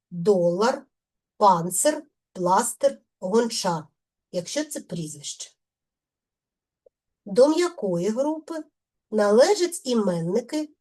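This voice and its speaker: A woman's voice: mid-range voice, darkish tone. A middle-aged woman teaching a grammar lesson, speaking carefully and stressing each example word.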